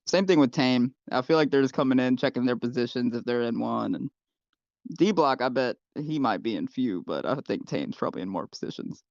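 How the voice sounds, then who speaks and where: A man musing casually with other traders in a group voice chat, relaxed and hesitant. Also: medium pitch, fairly quick, no echo. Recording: dull dry online call audio.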